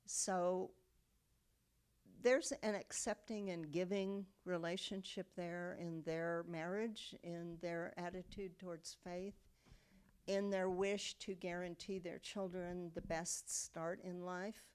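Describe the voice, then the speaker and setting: A woman in her seventies speaks in a slightly low voice. She recalls her family's past in a reflective, unhurried way, often pausing on "um" and checking in with "okay?". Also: fairly even intonation, darkish tone, clear, resonant tone. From United States. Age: 70s. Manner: reflective storytelling with frequent um and okay. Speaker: interviewee. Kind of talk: oral history interview.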